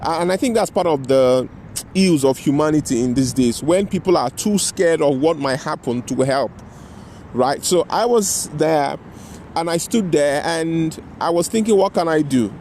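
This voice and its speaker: Man, fairly high voice, casual storytelling, rambling, street ambience faintly behind. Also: a little slow, a little mellow, slight background noise. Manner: rambling, frequent "you know" and "right?" tags. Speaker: vlogger telling a personal story.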